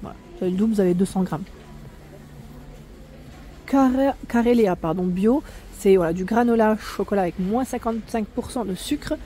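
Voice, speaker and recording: A woman's voice: medium pitch, normal speed, dark tone, a little hiss or hum. A woman filming a shopping vlog in a food discount store, chatting as she reads out prices and weights and correcting herself along the way. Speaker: vlogger showing store prices. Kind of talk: walk-through shopping vlog.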